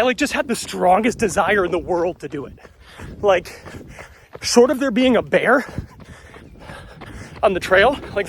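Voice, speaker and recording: A man's voice: high-pitched, slight background noise. A man talking casually to a handheld phone while running outdoors on a trail, vlog style, sounding effortful. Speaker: running vlogger. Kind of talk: casual vlog talk to camera.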